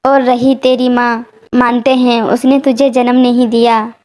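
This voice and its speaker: A woman puts on a kind mother-in-law in a storybook tale who speaks fondly and defends her family firmly. The voice is high and bright. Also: little pitch movement, a little slow, close to an everyday voice. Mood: affectionate.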